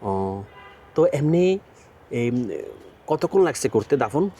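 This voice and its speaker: A man vlogger conducting a casual street interview outdoors, firing brisk probing questions and calling his interviewee uncle. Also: medium pitch, very animated, warm tone, slight background noise. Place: outdoors in a city cemetery.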